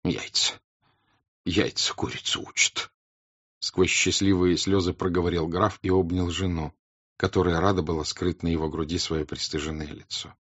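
A man with a husky voice narrating a novel in a scripted reading. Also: low-pitched, flat delivery, moderate pace. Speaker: audiobook narrator. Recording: slightly dull, dry recording.

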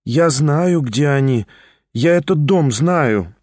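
A man reading a novel aloud and voicing a distraught young woman who answers in soft, short, bewildered lines. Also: on the high side, lively intonation, slow pace, no echo, studio quality. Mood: dazed. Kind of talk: audiobook character reading.

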